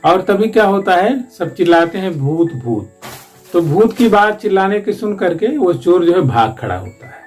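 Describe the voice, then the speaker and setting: A man with a slightly high voice explains the plot of a school play to students. He talks loosely and rambles, restarting his sentences as he goes. Faint music plays in the background. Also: animated, moderate pace, hardly any pauses. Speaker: teacher.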